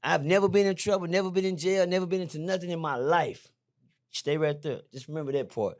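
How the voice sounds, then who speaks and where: A middle-aged man, a podcast guest, telling a story in a lively, slangy way, repeating himself and jumping high when excited. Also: fairly quick. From Texas. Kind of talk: animated storytelling. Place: podcast studio.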